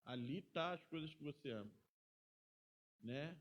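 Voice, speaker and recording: A middle-aged pastor teaches a Bible school class in a chatty manner, frequently ending sentences with a quick tag question. His voice is fairly high and expressive.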